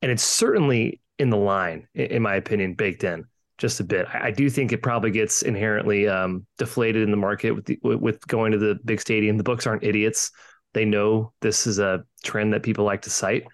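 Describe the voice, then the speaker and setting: A man's voice: fairly low pitch, steady tone, a little fast. A man working as a betting analyst, giving casual, opinionated sports analysis.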